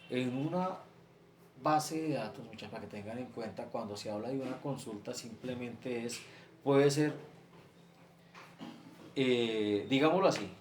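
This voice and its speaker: A man's voice: mid-range voice, darkish tone. Man teaching in an echoey room. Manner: explains step by step with many filler examples. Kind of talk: screen-share class lecture. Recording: echoey room, faint ambient noise.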